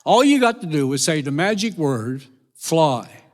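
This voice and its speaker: A man's voice: fairly high pitch, sing-song, a little slow, pitched below the performer's own voice. A man voicing a friendly, motherly old female witch in a Newfoundland accent, coaxing and sing-song. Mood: instructing. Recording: reverberant live concert hall.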